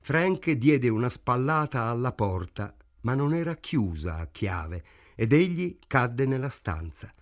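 A man reading a novel aloud in a measured, even way. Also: medium pitch. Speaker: narrator. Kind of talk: audiobook narration.

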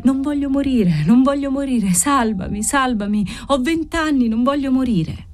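Audiobook: dying feverish young woman, whispery to shrill, read by a woman. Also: animated, unhurried, mellow, slight background noise, lightly acted. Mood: pleading. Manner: breathy whispers rising to high cries. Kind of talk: audiobook character voice.

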